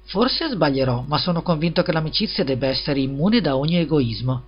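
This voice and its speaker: A man's voice: a little high, expressive, a little fast, husky. A man reading a storybook and voicing a greedy, self-serving miller who wheedles and preaches about friendship. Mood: predicatorio. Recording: slightly dull lo-fi recording.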